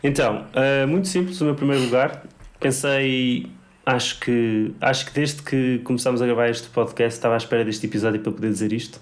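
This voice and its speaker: A man's voice: mid-range voice, fairly even intonation, a little fast. A young man chatting casually as a podcast co-host, slangy and ranting in mock exasperation. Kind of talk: casual comedic chat.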